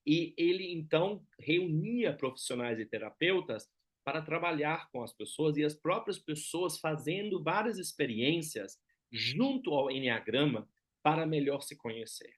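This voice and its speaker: A male teacher with a German accent gives an explanatory lecture. His voice sits a little higher than most men's. He speaks didactically, often adding small questions to check that listeners follow. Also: lively intonation, a little slow. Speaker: Enneagram teacher.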